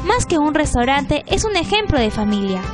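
A woman with a high, light voice reads a scripted news feature in a smooth, even way. Music plays steadily behind her narration. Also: normal speed. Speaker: reporter. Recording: background music under voice-over.

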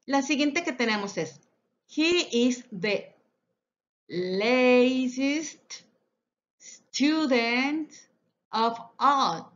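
Slow, deliberate woman teacher. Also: high voice. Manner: slow, deliberate, repeats example sentences. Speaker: English teacher. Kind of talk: recorded classroom lesson. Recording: dull lo-fi audio.

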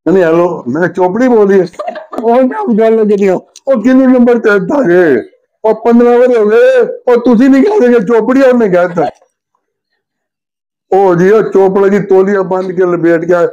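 An older man, a joke teller, spins a comic story in which he performs both sides of a phone call in different voices. His voice sits high with a dark tone, and the recording is dull and lo-fi.

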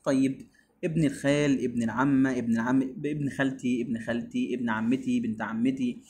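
A man's voice: medium pitch, fairly even intonation, fairly quick, a little mellow, a little hiss or hum. A man with an Egyptian Arabic accent teaching beginner English, repeating each word and quizzing his pupil.

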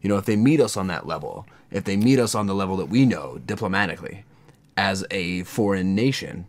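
Casting: American male podcast co-host, low voice, earnest casual debater. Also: expressive, fairly quick. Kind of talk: casual conversational chat.

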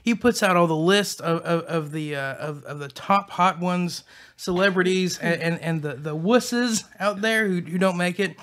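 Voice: mid-range voice, normal speed, fairly bright tone. A co-host chatting casually on a hot-sauce episode, sweating from the heat, often repeating and restarting words. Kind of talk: casual chat while eating hot sauce.

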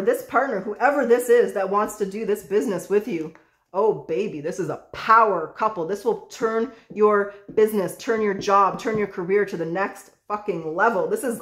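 Woman tarot reader, casual and excitable, chatty, swears freely, mid-pitched voice, echoey room.

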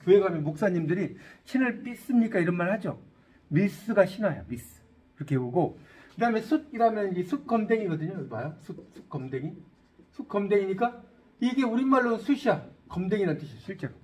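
A middle-aged man with a high voice gives an English lesson in Korean at a brisk clip. Lively and classroom-style, he quizzes his listeners and cracks jokes along the way.

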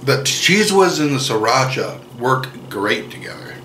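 Laid-back guy in his 30s doing a home cooking vid, slow chatty talk, faint kitchen clatter behind. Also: medium pitch, lively intonation, pushed and bright, slight background noise. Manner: slow, easygoing, jokey, chews between remarks. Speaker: cooking vlog host. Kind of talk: casual cooking demo. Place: home kitchen and dining room, indoors.

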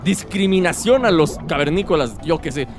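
A man's voice: on the high side, lively intonation, moderate pace, music in the background. A man giving playful, joking commentary over his gameplay. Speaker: gaming YouTuber.

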